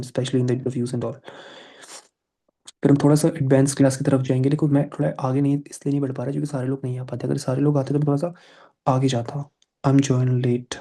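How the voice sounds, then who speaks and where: A man's voice: mid-range voice, dark tone. A man teaching an online English grammar class. He mixes English into his explanations and voices his students' questions.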